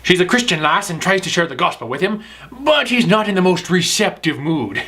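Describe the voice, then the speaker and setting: A man putting on a loud pushy pirate, bright, slightly high voice, for a comedy sketch. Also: sing-song, brisk, heavily acted. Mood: gruff. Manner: growling pirate talk, bossy and pushy. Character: blustering pirate named Cowhead, adult man. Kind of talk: comedic sketch within a review show.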